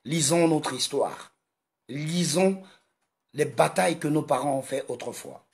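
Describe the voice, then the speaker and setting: A man from Congo gives an impassioned monologue, leaning on each phrase. His delivery is slow and repetitive. His voice sits slightly high for a man. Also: vocal fry. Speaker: video commentator.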